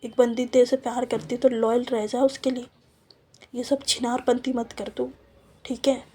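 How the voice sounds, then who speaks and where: A woman's voice: fairly high pitch, little pitch movement, moderate pace, dark tone, husky. A woman voicing a blunt young woman who scolds her friend. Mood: scolding.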